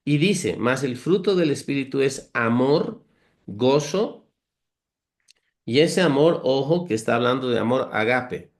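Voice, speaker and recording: This man's Bible teaching is animated but unhurried. His voice sits at an ordinary pitch as he reads verses and earnestly unpacks them, ticks off virtues in turn, and calls his hearers brothers, all in a conversational tone peppered with homely humor.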